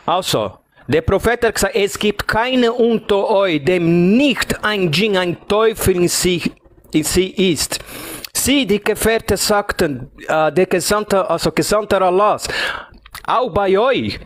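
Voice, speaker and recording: A man in a heated online debate who keeps repeating loud accusations, speaking into a loud microphone. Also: high voice, a little slow.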